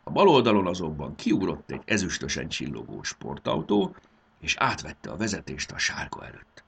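A man narrating a children's story in an expressive, animated reading. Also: extremely low pitch, vocal fry, breathy edge. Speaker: audiobook narrator.

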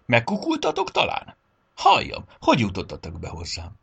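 A man voicing a bossy, grumpy old Santa Claus in a storybook reading, with a gravelly voice. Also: mid-range voice, wildly swooping pitch, a bit bright, voice pushed up, full character voice. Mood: grumbling.

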